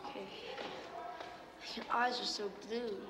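A woman's voice: fairly high pitch, steady tone, slow pace, echoey room, background noise. An actress playing a shy, awkward young teen boy asking a girl out, on old TV audio with music.

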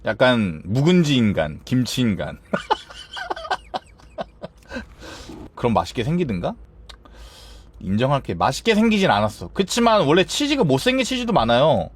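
A man's voice: mid-range voice, huge pitch swings, unhurried, long pauses, slightly rough. A man streaming a game and chatting casually, playful and theatrical, swinging between squeals and mock-stern grumbling.

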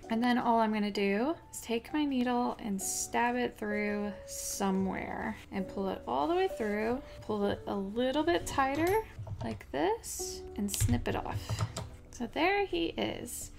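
A young woman hosts a casual crochet tutorial from her home craft room, chatty, upbeat and often laughing as she goes step by step. Her voice is fairly high and animated, with vocal fry and a measured pace, and music plays in the background.

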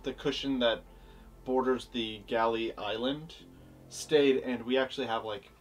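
A man's voice: medium pitch, steady tone, a little slow. A young man co-hosting a casual boat tour, upbeat and teasing, often laughing. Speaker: boat-owning video host. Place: small wooden boat cabin, indoors. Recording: voice a bit distant, faint music behind.

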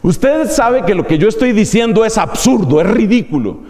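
Priest guy giving a uni lecture, high voice, ironic, keeps asking the crowd questions, long echo in the hall. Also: very animated, normal speed, darkish tone. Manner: ironic, rhetorical questions to the audience. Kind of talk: university lecture. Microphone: microphone.

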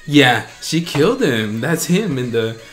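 A man hosting a reaction video, talking casually and excitedly, gushing, laughing and trailing off mid-sentence. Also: mid-range voice, measured pace, soft background music. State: out of breath.

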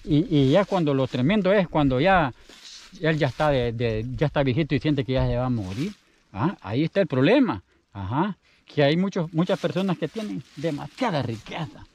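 A man's voice: on the high side, animated, normal speed, a little mellow, rough recording. Salvadoran man telling a rambling story. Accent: Salvadoran Spanish. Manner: chatty, rambling, repeats his words. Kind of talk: casual storytelling. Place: outdoors in the countryside.

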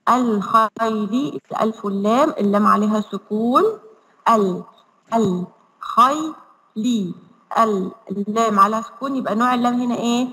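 An Egyptian-accented woman teaches children to read over a video call, breaking each word into slow, careful syllables. Her voice sits fairly high and sounds sharp and bright. A long reverb hangs behind her, as if she is in a big hall. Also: steady tone. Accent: Egyptian Arabic. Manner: spells words out slowly, syllable by syllable. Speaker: primary school Arabic teacher. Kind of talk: online reading lesson.

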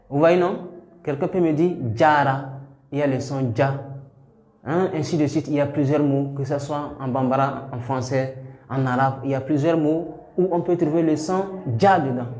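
A man teaching Arabic letters step by step, slowly repeating each sound for learners to copy. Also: a little high, a little mellow, roomy sound. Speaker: Quran teacher.

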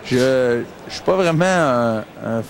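A man with a Quebec accent giving casual, halting sports commentary as a second commentator. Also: medium pitch, animated. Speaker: boxing co-commentator. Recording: noisy live arena broadcast.

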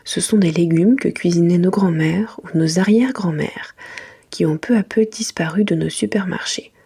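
A woman reading a children's picture book in a soft, gentle whisper, as ASMR for bedtime. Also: on the low side, normal speed. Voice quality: breathy, mostly whispered soft voice.

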